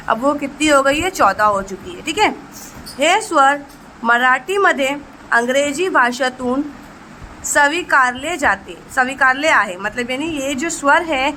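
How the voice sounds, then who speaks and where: A woman teacher with a high, pushed, bright voice gives an exam-prep lesson, posing rhetorical questions and answering them herself while mixing in Marathi terms. She fondly calls her students children. The low-quality recording carries a little hiss or hum.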